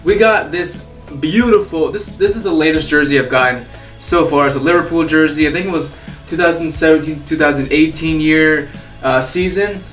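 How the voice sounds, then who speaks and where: A man's voice: a little high, moderate pace, a bit bright, distant mic. A young man from Peru chatting casually in a vlog, rambling and enthusiastic with lots of fillers. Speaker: YouTuber. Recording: roomy echo, off-mic, faint music.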